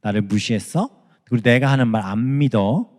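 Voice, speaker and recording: A man's voice: medium pitch, normal speed, a little mellow, in a large hall, close to an everyday voice. A man voicing a stern, blunt God. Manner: blunt informal scolding. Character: stern displeased God, male, commanding.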